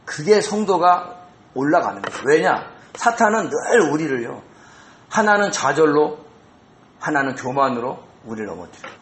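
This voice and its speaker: A male pastor preaching an expository sermon in a church, animated and asking the congregation rhetorical questions. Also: fairly high pitch, normal speed, slight background noise. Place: church sanctuary. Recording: roomy echo.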